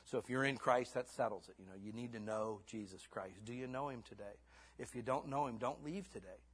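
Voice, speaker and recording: A pastor in his fifties preaches a sermon in church in a medium-pitched voice with a breathy edge. He moves between hushed, intimate lines and fervent, rising exhortation before closing in prayer.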